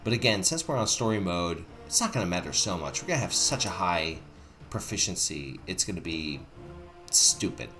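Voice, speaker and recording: Guy doing casual gaming commentary, lowish voice, thinking out loud, faint music behind. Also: lively intonation, normal speed. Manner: rambling, thinking aloud. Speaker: gaming video host.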